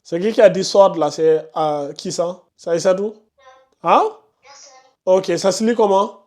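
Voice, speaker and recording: Guy teaching a class, kinda high voice, keeps asking students stuff and scolding them. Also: a little slow, darkish tone. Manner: questions students by name, scolding and insistent. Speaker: Quran recitation teacher. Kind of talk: live classroom lesson.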